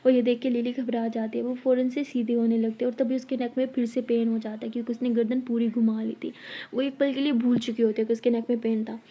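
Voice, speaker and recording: Woman telling a love story, somewhat high. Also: fast. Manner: calm, conversational, clears throat now and then. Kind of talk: storytelling narration. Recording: slightly dull lo-fi audio.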